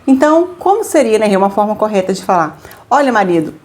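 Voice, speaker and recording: A woman co-hosting a family advice talk, lively, acting out examples of what parents say. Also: medium pitch, quick pace. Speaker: co-host giving family advice. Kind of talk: casual talk to viewers.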